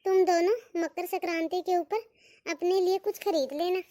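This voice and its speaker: A woman's voice: very high voice, fairly even intonation, moderate pace, dark tone. A woman voicing a stern but fair mother-in-law in a cartoon, scolding and giving orders. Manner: scolding, commanding, calls daughters-in-law "bahu". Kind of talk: cartoon voice acting.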